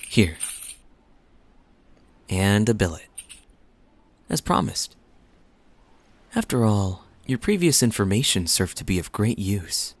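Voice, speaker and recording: A man's voice: lowish voice, big pitch swings, slow pace, pauses often, heavily acted. Man playing suave, teasing Kaeya, swooping flirtatious lilt. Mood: playful, boastful. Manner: smooth-talking, playful, coy, lingering phrasing. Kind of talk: romantic interactive audio roleplay, spoken to the listener.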